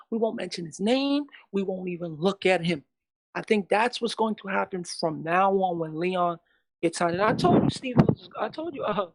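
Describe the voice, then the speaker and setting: A woman's voice: medium pitch, dry recording. A woman calling in to a sports talk show with a mid-range voice and a dry, close sound. She speaks with conviction and repeats her points to drive them home. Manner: emphatic, repeats herself for emphasis. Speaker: guest caller.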